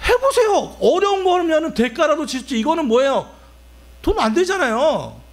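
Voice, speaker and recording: A man's voice: very high-pitched, big pitch swings, moderate pace. A male pastor preaching a sermon, asking the congregation rhetorical questions as he explains the text.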